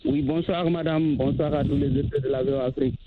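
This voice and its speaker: A man calling in to a radio show from Senegal, giving his opinion haltingly and leaning on stock filler phrases over the phone. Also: a little high, steady tone, heavy background noise. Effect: phone call into a radio show. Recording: tinny phone line.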